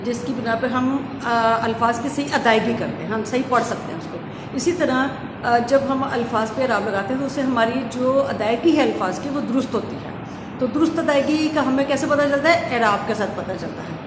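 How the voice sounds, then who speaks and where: A woman's voice: a little high, expressive, a little fast. A woman teacher with a Pakistani Urdu accent, giving a grammar lesson to children and spelling words out letter by letter with emphatic corrections. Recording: echoey room with faint ambient noise.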